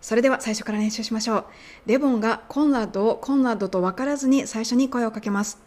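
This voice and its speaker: Woman, English teacher, native Japanese, explanatory, models phrases slowly, podcast lesson. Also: on the high side, a little mellow.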